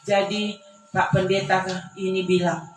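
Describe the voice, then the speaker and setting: A woman pastor with a Manado Malay accent preaching a storytelling sermon, animated and swinging from hushed asides to loud exclamations. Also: mid-range voice, measured pace, soft background music. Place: church hall. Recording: echoey church hall, mic far off, faint background noise.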